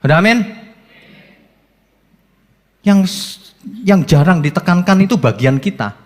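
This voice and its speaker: A man preaching a sermon as pastor, animated, asking rhetorical questions and acting out quotes. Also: sits high, unhurried. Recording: long church reverb.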